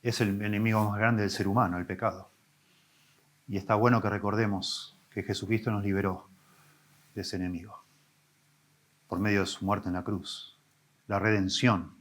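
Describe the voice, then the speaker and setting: Pastor preaching a sermon. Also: male voice, level tone, moderate pace, long pauses. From Argentina. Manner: teaching, with emphatic rises and soft low drops. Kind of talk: expository sermon.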